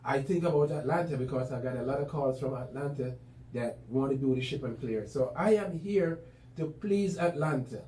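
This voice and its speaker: A man's voice: medium pitch, moderate pace, warm tone. A man chatting casually as an interview guest, talkative and loose with lots of fillers. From Jamaica. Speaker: business owner guest. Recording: echoey room, mic at a distance, faint background noise.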